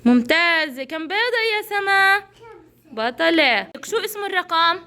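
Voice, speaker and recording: A woman's voice: very high voice, expressive, normal speed, sharp tone. A woman teacher, coaxing and praising young children through a counting game. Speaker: preschool teacher.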